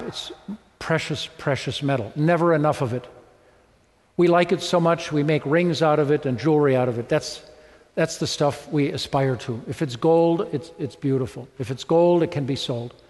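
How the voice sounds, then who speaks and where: A pastor preaching a conversational sermon, playful and full of rhetorical questions. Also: male voice, a little high, darkish tone, long reverb tail.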